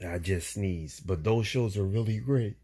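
A man's voice: lowish voice, unhurried, dark tone, husky. A middle-aged man hosting a casual solo podcast between songs, talking in an easygoing, rambling way with many fillers and repeats. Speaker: podcast host.

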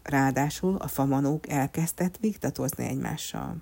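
Low husky lady reading a kids storybook, mellow tone. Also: slight background noise.

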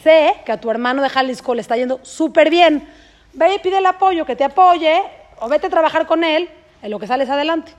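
A woman's voice: high-pitched, animated, fairly quick. A woman voicing a worried middle-aged father who earnestly advises his sons in a spoken parable. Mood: earnest advice.

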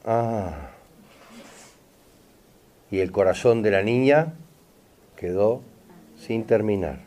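A man's voice: lowish voice, expressive, takes it slowly, warm tone. A middle-aged man with a River Plate Spanish accent, guiding a consultation and repeatedly checking that he is understood. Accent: Rioplatense Spanish. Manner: insistent, repeats "¿está bien?" and "mirá". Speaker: therapist giving a session. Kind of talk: consultation with an audience member.

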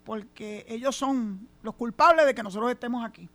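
A middle-aged Puerto Rican woman hosts a casual radio talk show from the studio, outspoken and emphatic, laughing easily. Her voice is on the high side and fairly bright, at a normal speed, with no room sound, and she speaks with a Puerto Rican accent.

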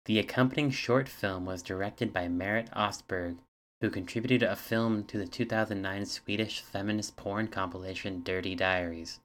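A man's voice: lowish voice, steady tone, normal speed, a bit bright. A man co-hosting a podcast, reading off facts in casual chat with hesitant ums and uhs. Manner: reads album facts from notes, hesitant fillers. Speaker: podcast co-host.

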